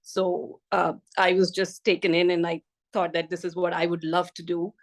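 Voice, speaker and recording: A middle-aged woman from India with an Indian English accent, a physical therapist speaking as a podcast guest in a measured, steady way. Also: fairly low pitch. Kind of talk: podcast interview.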